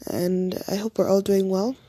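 With a mid-range, warm, slightly breathy voice and a flat delivery at normal speed, this young woman from Nigeria hosts a laid-back faith podcast. She's chatty and upbeat, addressing listeners directly in an early-morning, just-woken-up voice; the recording is dry and studio-clean.

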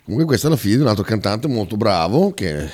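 A man's voice: lowish voice, sing-song, quick pace, darkish tone, breathy edge. A male radio host in casual, blunt, chatty talk who swears freely.

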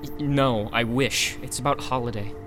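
Casting: man as worried teen son, halting delivery, mid-pitched, for audio drama. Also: steady tone, over music, natural voice. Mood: anxious. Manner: stammering, hesitant. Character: anxious, hesitant teenage son. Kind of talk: scripted audio drama acting.

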